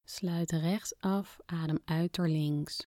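A woman speaking softly and gently as a podcast host guiding a calming breathing exercise, with phrase endings that fade toward a whisper. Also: sits low, takes it slowly, no room sound, clean studio sound. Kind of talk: soft, soothing guided relaxation narration.

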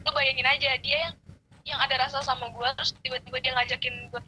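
A woman's voice: sits high, flat delivery, fast talker, pushed and bright, a little hiss or hum, low-quality recording. A young woman telling a story in casual, slangy chat and swearing now and then.

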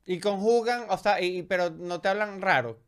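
Un hombre copresentador de podcast que responde con frases cortas y hace preguntas curiosas en una charla informal. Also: male voice, high voice, normal speed, clear, resonant tone. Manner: brief back-channel replies, curious questions. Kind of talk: casual chat.

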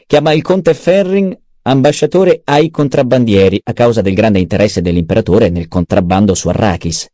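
A man's voice: on the low side, moderate pace, few pauses, mellow, no room sound, clean studio sound, pitched above the performer's own voice, lightly acted. A man voicing a cunning, self-satisfied male adviser in an audiobook, eager and precise. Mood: scheming. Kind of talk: audiobook character voice.

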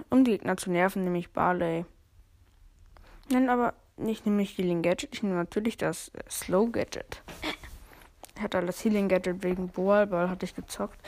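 A woman's voice: mid-range voice, a little mellow. A woman giving casual, chatty let's play commentary, thinking aloud in slangy language as the game goes. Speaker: gamer commentating own play.

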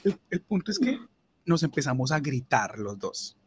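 A man's voice: moderate pace, a little hiss or hum. A young Colombian man animatedly telling a funny work story, swearing and mimicking people. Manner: animated, swearing, mimics others in higher voices. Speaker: podcast host. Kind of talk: casual storytelling.

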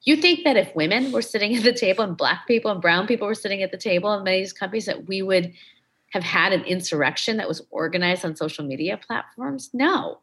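A woman's voice: mid-range voice, expressive, fast talker, fairly bright tone, slightly rough. A woman guest in an interview, speaking in an impassioned, emphatic way. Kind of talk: interview conversation.

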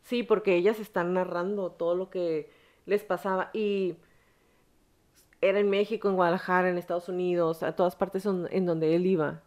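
A woman hosts a casual podcast, telling the story bluntly and dropping slang and swear words. Her voice sits low for a woman. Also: flat delivery, normal speed, darkish tone. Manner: frank, blunt, uses slang and profanity. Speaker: podcast host.

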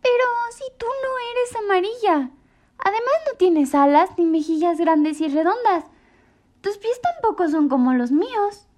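Lady doing a squeaky little lost birdie boy, high and pleading, storybook voice. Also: big pitch swings, a little slow, a little mellow, full character voice. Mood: doubtful. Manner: eager, pleading, childlike. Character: tiny lonely young male bird searching for a mother.

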